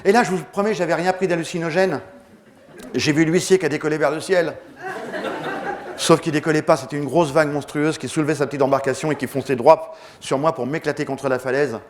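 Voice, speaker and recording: A man's voice: on the high side, fairly even intonation, brisk, a little hiss or hum. A man giving a motivational talk, telling his story vividly and acting out the scenes. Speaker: motivational speaker.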